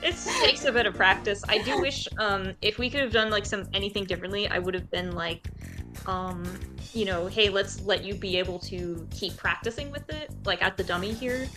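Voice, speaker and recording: A woman's voice: mid-range voice, moderate pace. Bubbly woman over background music. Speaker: game developer reading donations. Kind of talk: casual chat.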